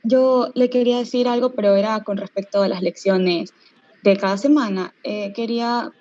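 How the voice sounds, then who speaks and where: A woman's voice: mid-range voice, steady tone, normal speed, a little mellow. A woman student politely and hesitantly making a request to her teacher during an online class. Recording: dull lo-fi call audio.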